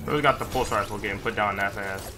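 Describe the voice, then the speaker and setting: A man giving live commentary on his own shooter gameplay, trash-talking opponents and breaking into loud taunts and yells. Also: on the low side, steady tone, fast talker. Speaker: streamer playing a shooter game. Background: game music and sound effects.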